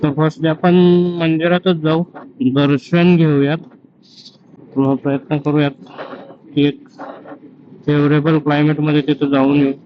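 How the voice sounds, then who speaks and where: Man, solo rider vlog, fairly high voice, muffled audio over faint road noise. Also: little pitch movement, measured pace, long pauses. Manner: reflective, gives life advice between road updates. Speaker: solo motorbike travel vlogger. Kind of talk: casual travel vlog talk. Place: outdoors on a road trip.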